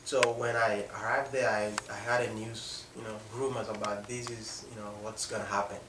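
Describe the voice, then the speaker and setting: A young man tells his life story without a script, his low voice flat and marked by a South Sudanese accent. Halting speech and frequent mid-sentence breaks come through a far-off mic in an echoing room with slight noise.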